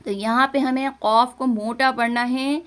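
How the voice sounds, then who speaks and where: A woman teaching Quran recitation online, patiently correcting pronunciation, repeating syllables and drawing out recited words slowly. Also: a little high, steady tone, a bit bright. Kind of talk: online tajweed lesson.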